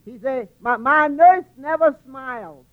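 On a muffled old radio recording, a wisecracking tavern waiter with a very high-pitched voice delivers quips in 1940s comedy style. He sounds long-suffering and dry yet amused and chatty, unhurried, and he stammers over repeated words.

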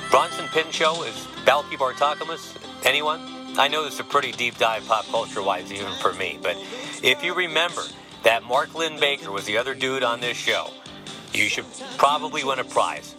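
A man's voice: medium pitch, normal speed, poor audio. A man hosting a sports podcast, with a wry, joking delivery. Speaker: podcast host. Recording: music playing behind the voice.

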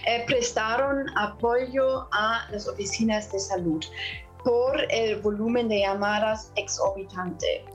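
Woman, German accent, non-native speaker. Expert interview guest, unhurried and hesitant, music underneath. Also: a little high, fairly even intonation, dull audio. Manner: hesitant, searching for words. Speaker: interview guest, customer service technology expert. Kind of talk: interview answers.

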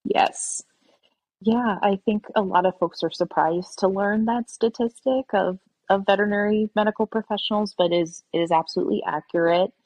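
A woman's voice: medium pitch, fairly even intonation, normal speed, darkish tone, no echo. A woman working as a veterinary social worker, answering interview questions earnestly and searching for words now and then.

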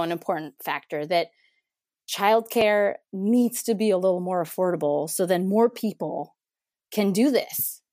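A Mexican woman in her thirties chats as an interview guest, her mid-range voice slightly mellow and recorded cleanly in the studio with no echo. It's casual conversation, and she laughs a lot and keeps restarting her sentences.

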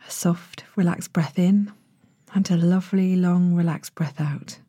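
Soft, breathy woman narrating a sleep story. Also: fairly low pitch, steady tone, no echo, clean studio sound. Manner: gentle, hushed, breathy delivery with long pauses. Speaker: podcast host, sleep meditation narrator. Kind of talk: soothing sleep story narration, guided relaxation.

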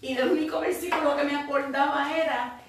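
A church member, a woman, gives a spoken religious testimony, fervently breaking into praise and often tacking on "right?". Her voice sits high and moves fairly quickly with fairly even intonation. The recording is very echoey, with a distant mic and faint noise.

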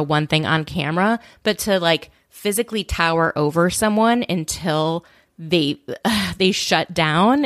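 Female podcast co-host, low register, close dry mic, animated and blunt. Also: no echo. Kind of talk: casual recap chat.

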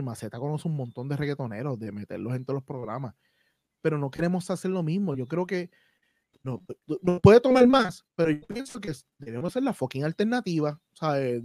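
A man's voice: fairly high pitch, darkish tone, dry recording. Passionate Puerto Rican man, dry close sound. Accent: Puerto Rican Spanish. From Puerto Rico. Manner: passionate, emphatic, swears freely. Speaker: podcast host. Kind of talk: casual podcast conversation.

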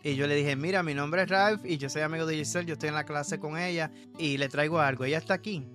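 A man in his fifties with a Puerto Rican accent, co-hosting a podcast and telling stories in a loose, animated way, laughing often and slipping English words into his Spanish. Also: fairly high pitch, quick pace, soft background music. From Puerto Rico. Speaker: podcast co-host. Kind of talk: casual storytelling chat.

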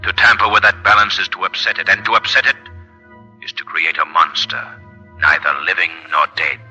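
An actor playing a sinister, mysterious avenger who narrates with theatrical menace in an old radio drama on a muffled recording. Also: male voice, sits low, little pitch movement, a little fast, sharp tone, slightly rough, soft background music, exaggerated voice. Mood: ominous.

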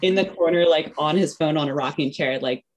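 A woman with a low voice talks briskly over slight background noise, casually telling an interviewer about something from her life. Her speech is full of "like" and "you know," and she quotes her earlier words as if acting them out.

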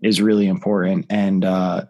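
Animated man ranting about baseball. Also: low-pitched, normal speed, muffled recording. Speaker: podcast co-host. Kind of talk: casual sports podcast chat.

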